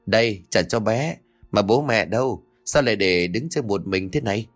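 A man's voice: lowish voice, animated, moderate pace, soft background music. A man voicing a polite, puzzled young tenant.

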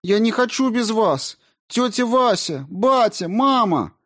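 A man's voice: high-pitched, animated, slow pace, a bit bright, voice pushed up, exaggerated voice. A man voicing a frightened young girl who sobs and pleads not to be left alone. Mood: sobbing. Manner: pleading, sobbing cries. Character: young girl, frightened, tearful elder sister.

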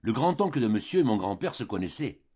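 A man reading the lines of a proud, quick-tempered aristocratic count in an audiobook, curt and stiff. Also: mid-range voice, very animated, a little mellow, husky, lo-fi sound. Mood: sociable.

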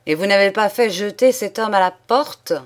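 A woman's voice: low voice, unhurried. A woman reading the part of a haughty old nobleman, a count who speaks firmly and with cold contempt. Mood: indignant. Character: haughty old male count, proud aristocrat. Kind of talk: audiobook character reading.

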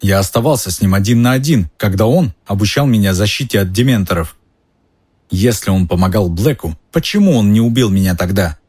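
A man reading aloud and voicing a defiant teenage boy who shouts back at a teacher. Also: lowish voice, lively intonation, a little fast, husky.

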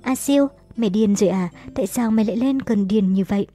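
A woman's voice: mid-range voice, fast talker, dark tone, faint music behind, natural voice. A woman doing a stern old father. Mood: angry. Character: stern, alarmed old father, head of household.

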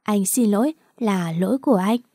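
A gentle young man apologizes tenderly in a storybook romance, read by a woman narrator. The voice is warm and relaxed, and it is recorded dry and close. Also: medium pitch, moderate pace, dry recording, close to an everyday voice. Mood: tender remorseful. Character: remorseful young man comforting his lover.

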